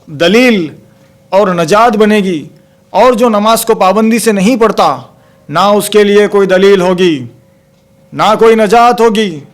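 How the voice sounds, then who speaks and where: A man delivers a religious talk for a recorded video in a fairly high voice for a man. His preaching is emphatic, with slow, measured recitation of Arabic verses and frequent exclamations of praise. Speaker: Islamic preacher.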